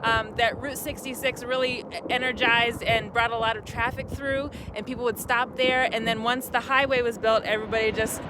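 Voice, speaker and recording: Woman, middle-aged, travel vlogger, chatty, upbeat, slightly out of breath, outdoors, clear background noise. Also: on the high side, fairly even intonation, moderate pace, hardly any pauses. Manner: chatty, upbeat, laughs easily. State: a little out of breath. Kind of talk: casual travel vlog talk to camera. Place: outdoors at an RV park.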